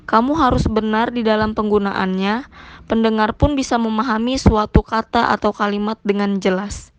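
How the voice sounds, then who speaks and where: A woman teacher reading a scripted lesson in a measured, explanatory way. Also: a little high, fairly even intonation.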